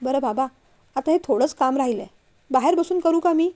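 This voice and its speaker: A woman's voice: high voice, animated, brisk, warm tone. A woman voicing a sulky, childish young man who pleads and whines to his father in a storybook reading. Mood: pleading. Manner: pleading, whiny.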